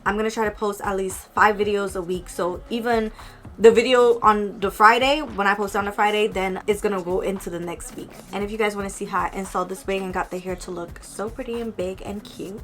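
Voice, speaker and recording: A woman's voice: mid-range voice, steady tone, brisk, a bit bright. Chatty young woman reviewing a wig. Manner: chatty, upbeat, talks to viewers directly. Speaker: beauty vlogger. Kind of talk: casual product review vlog.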